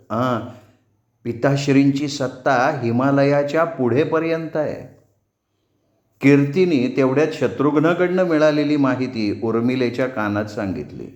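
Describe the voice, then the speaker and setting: A male storyteller reading a novel aloud in a measured, descriptive way. He takes his time, with a very slow pace and a mid-range voice. The recording has a noticeable roomy echo. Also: medium pitch, a little mellow, muffled recording. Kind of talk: audiobook narration of a novel.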